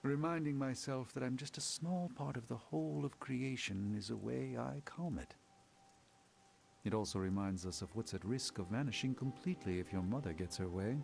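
An actor playing an eloquent, philosophical middle-aged sorcerer in a video game, speaking in a measured way. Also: male voice, mid-range voice, gravelly, a little mellow, natural voice. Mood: contemplative.

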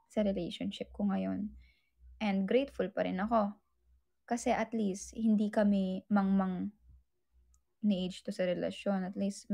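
Young female vlogger, gravelly edge, candid advice-giving chat. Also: mid-range voice, warm tone. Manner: candid, advice-giving, mixes English into Tagalog. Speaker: vlogger answering viewer questions. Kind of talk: casual chat.

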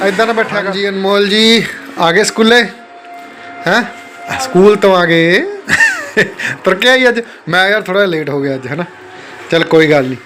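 A young father narrates a casual vlog of his family's day, speaking to his kids in a doting, coaxing manner and often making sure they agree. His voice is high-pitched at a normal speed, with long pauses and some background noise.

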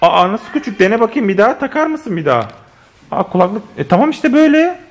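A man's voice: high voice, big pitch swings, fairly quick, slight background noise. A man speaking to viewers in a casual family vlog at home, playfully coaxing a child. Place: at home indoors.

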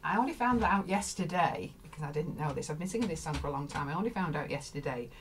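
A woman's voice: low-pitched, expressive, fast talker, recorded from a distance, a little hiss or hum. A woman folk singer chatting casually between songs, rambling with restarts. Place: small home studio.

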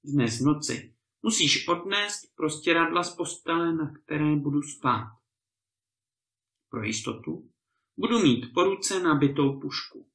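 A greedy, ill-tempered landowner from a storybook, stern and threatening, voiced by a man reading the tale. The voice is gravelly and bright. It is recorded in a room with clear echo. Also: on the high side, expressive. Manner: stern, threatening, bursts of anger. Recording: echoey room.

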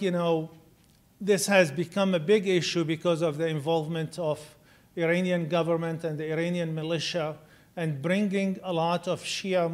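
A middle-aged man, giving an earnest university lecture at a lectern microphone, with frequent "you know" fillers. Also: fairly high pitch. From Syria. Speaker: guest lecturer. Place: lecture room, indoors.

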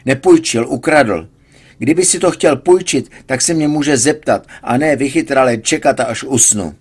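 A man's voice: medium pitch, very animated, slightly rough, voice pushed up. A man voicing an agitated male patient who pleads and complains indignantly. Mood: frantic, indignant. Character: agitated male patient engineer, frantic and whiny.

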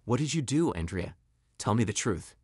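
A man's voice: lowish voice, big pitch swings, moderate pace, breathy edge, dry recording, studio quality. A male narrator voicing a blunt, wronged single father who speaks firmly. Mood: stern, hurt. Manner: blunt, firm.

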